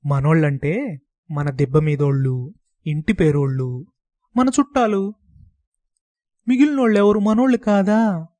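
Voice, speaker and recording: A man's voice: fairly high pitch, expressive, unhurried, pauses often, a little mellow, no echo. A man voicing a bossy scolding village aunt. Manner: bossy, scolding in rural dialect. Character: scolding village aunt, middle-aged woman.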